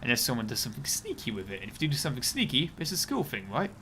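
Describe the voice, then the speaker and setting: Chatty young gaming streamer. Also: male voice, mid-range voice, big pitch swings, very fast, sharp tone, slight background noise. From United Kingdom. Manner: rambling, chatty, breaks off to react to the game. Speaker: game streamer. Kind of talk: casual gameplay commentary.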